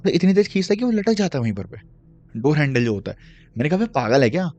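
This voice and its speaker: A man's voice: fairly high pitch, very animated, fast, darkish tone. A young man telling a true horror story in a casual, chatty way, mixing in English slang and turning to the listener with asides. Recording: dull lo-fi recording.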